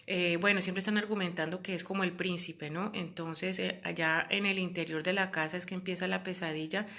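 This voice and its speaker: A woman's voice: fairly low pitch, fairly even intonation, a little fast, a bit bright. A woman, talking earnestly and casually as a host, with many fillers and quoted voices. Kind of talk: casual talk about psychological abuse.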